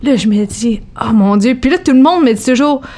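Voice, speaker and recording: Animated Québécois woman telling a story. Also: sits high, a little fast. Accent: Québécois French. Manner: animated anecdote teller, acts out quotes. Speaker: guest, boxer. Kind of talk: casual storytelling chat.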